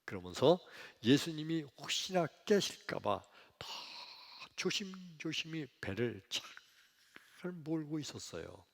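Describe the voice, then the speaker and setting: A male pastor preaching a sermon in a church, telling the story dramatically, acting out voices and swinging between loud outbursts and hushed lines. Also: fairly high pitch, sing-song, a little slow, creaky. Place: church sanctuary. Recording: long hall reverb.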